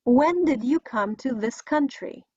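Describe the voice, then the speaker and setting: A middle-aged Polish woman teaches an English lesson in a scripted video with listen-and-repeat drills, enunciating carefully. Her voice is high, animated, a little slow, darkish and husky. The recording is dry, slightly dull and lo-fi, with no room sound.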